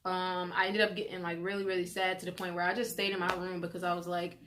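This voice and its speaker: A woman's voice: fairly low pitch, quick pace, background noise. Young woman telling her own story. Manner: animated retelling full of "like" and acted-out quotes. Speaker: vlogger. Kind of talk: casual personal storytelling.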